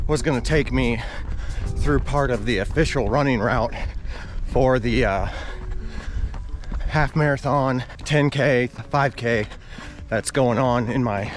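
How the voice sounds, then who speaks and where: A man's voice: mid-range voice, slow pace, soft background music. A man chatting casually to viewers as a vlogger, talking while out running outdoors on an action camera. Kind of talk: casual vlog chat. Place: outdoors on roads by fields. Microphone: action camera carried while running.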